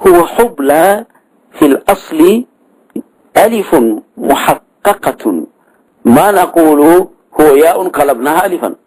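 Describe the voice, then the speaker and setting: Male teacher, slow deliberate lecturing, dry close sound. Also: fairly high pitch, animated, darkish tone, dry recording, low-quality recording. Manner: deliberate, repeats key words, prompts with short "ha" tags. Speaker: grammar teacher. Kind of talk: explanatory lecture on a verse text.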